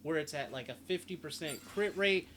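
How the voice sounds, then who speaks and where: Game sounds and ambience fill the background as a man narrates a casual video game guide, reading stats and explaining along the way. His voice is fairly high, a bit bright, animated, and a little fast.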